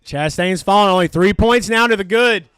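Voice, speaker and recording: A man hosting a live race stream, giving excitable, profane, jokey commentary. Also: high-pitched, normal speed, smooth, no echo, studio quality.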